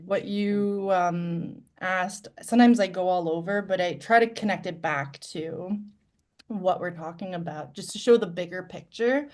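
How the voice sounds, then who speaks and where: A woman's voice: fairly low pitch, unhurried. Earnest, reflective woman guest. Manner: earnest and reflective, loudness rising and falling. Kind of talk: candid live-stream conversation.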